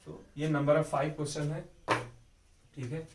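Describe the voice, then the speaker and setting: A man's voice: on the high side, steady tone, slow, distant mic, very noisy. A man teaching exam math, explaining each step patiently and repeating key points to check understanding. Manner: patient, repeats key steps with frequent "ठीक है" check-ins. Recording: echoey room, voice off mic.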